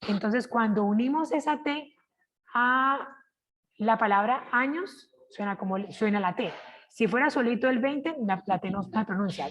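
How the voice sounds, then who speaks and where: Una maestra colombiana con acento de su tierra dicta una clase virtual de francés. Su voz femenina, de altura media, avanza sin prisa, con pausas para preguntar si el grupo entiende y repeticiones lentas de cada expresión. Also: female voice, mid-range voice, a bit bright, highs cut off. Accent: Colombian Spanish. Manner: slow, careful pronunciation of French examples; checks in with frequent "¿cierto?". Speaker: French teacher. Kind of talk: online class, sharing screen.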